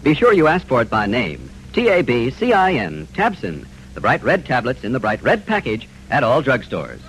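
A male announcer delivers a chipper 1950s radio ad with widely swooping, animated pitch. His delivery is emphatic, on an old broadcast recording with music. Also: moderate pace, poor audio.

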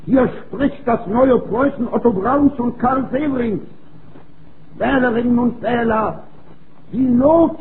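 A man giving a slow, emphatic, rousing election speech, heard through a megaphone-like loudspeaker on an old, lo-fi archival recording. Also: extremely high pitch. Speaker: political campaign speaker. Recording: tinny, lo-fi old archival recording with faint hiss.

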